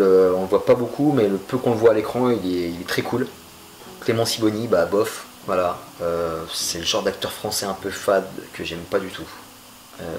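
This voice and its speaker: Low-voiced joking male film reviewer. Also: poor audio. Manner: chatty, slangy, joking. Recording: music playing under voice.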